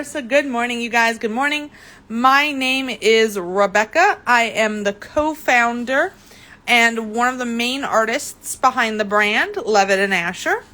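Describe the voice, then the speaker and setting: This high, pushed, bright voice belongs to a young woman from Germany running a live craft demo at an indoor craft table. She chats casually, calls out viewers by name, and frequently trips over her words.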